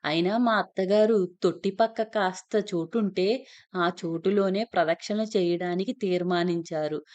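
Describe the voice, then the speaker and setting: A woman narrating a first-person story in a steady, plain telling voice. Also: on the low side, lo-fi sound.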